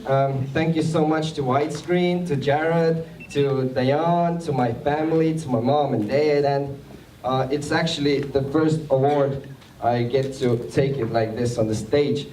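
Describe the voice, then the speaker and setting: A man from Estonia giving a halting acceptance speech at an awards show, full of fillers and restarts. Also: medium pitch, warm tone. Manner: hesitant, many fillers and restarts. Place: event hall with a crowd. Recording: roomy hall audio from far off with crowd noise.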